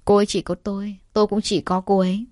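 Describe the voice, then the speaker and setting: A devoted young man states his position tersely and firmly in a storybook reading, as the woman narrating acts him out. The voice is dry and close, with a middle pitch. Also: flat delivery, fast talker, darkish tone, no room sound, close to an everyday voice. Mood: resolute.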